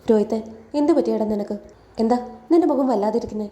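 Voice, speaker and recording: A woman voicing a gentle, caring young woman who comforts her younger brother, in a soft, reassuring way in an echoey room. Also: a little high, fast, lightly acted. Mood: tender.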